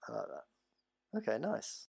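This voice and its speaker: A man's voice: moderate pace, a little mellow. A man co-hosting a casual podcast, laid-back with a wry, joking manner. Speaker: podcast co-host.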